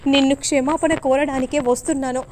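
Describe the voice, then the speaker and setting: A woman's voice: sits high, steady tone, fast talker, darkish tone, slight background noise, close to an everyday voice. A woman voicing a proud older mother-in-law who pleads for forgiveness in a soap recap. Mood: remorseful. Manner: earnest pleading apology.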